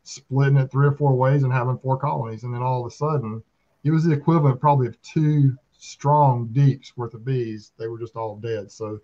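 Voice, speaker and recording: This beekeeper and video channel host, a man in his fifties with a Southern American accent, chats casually and tells folksy stories over a video call from a small room at home. His voice is medium-pitched and dark, with fairly even intonation and a normal speed. The video-call audio sounds slightly dull.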